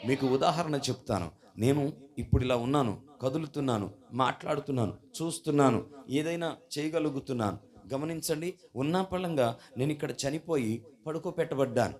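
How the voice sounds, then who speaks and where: A man preaching a sermon at a church service. He keeps questioning the congregation and calling for responses, and his voice swings suddenly between loud and soft. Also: medium pitch, a little fast.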